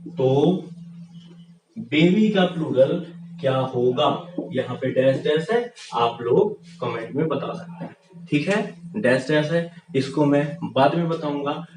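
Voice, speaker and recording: A man teaching English grammar, asking questions and answering them himself. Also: mid-range voice. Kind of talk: classroom-style grammar lesson. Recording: echoey room, far from the mic, with noise.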